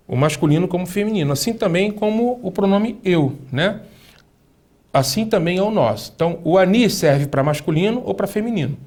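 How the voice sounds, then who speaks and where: A man teaching a recorded Hebrew lesson, speaking slowly, repeating words for the student to echo and asking the student questions. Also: on the high side, a little mellow.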